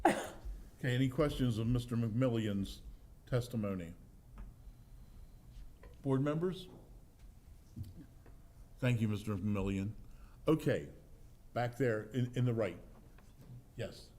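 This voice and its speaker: A man's voice: mid-range voice, slow, pauses often, mellow. A man chairing a zoning appeals hearing, procedural and polite, calling witnesses and asking for questions. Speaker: board chair running a hearing. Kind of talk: chairing a public meeting.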